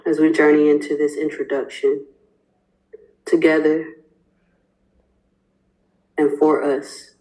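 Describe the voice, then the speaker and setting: A woman interviewing the host on a podcast, talking in a lively, effusive way with many casual fillers. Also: low-pitched, slow pace, pauses often, poor audio.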